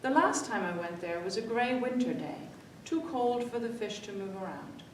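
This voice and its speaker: At library story time, a woman reads aloud to children in an animated voice at a moderate pace, expressively acting out the dialogue. The room is echoey, the mic is distant, and a faint rumbling noise can be heard.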